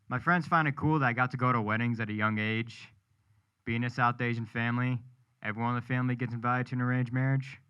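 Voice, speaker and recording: A man's voice: mid-range voice, sharp tone, clean tone, highs cut off. Self-mocking young male stand-up comic. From New Hampshire, US. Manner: self-deprecating, punchline delivery. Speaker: stand-up comedian. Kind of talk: stand-up set. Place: live comedy show with audience.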